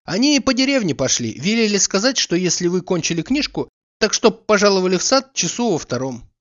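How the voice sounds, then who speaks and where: A man reading an audiobook, voicing a quick, chatty young maid in a hurried manner. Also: sits high, sing-song, a bit bright, highs cut off, pitched above the performer's own voice. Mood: eager.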